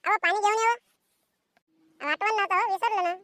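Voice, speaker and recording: A woman's voice: very high voice, a little fast, a bit bright, no room sound. A woman voicing a lazy, cheeky, phone-obsessed village son in a cartoon comedy, whining and talking back.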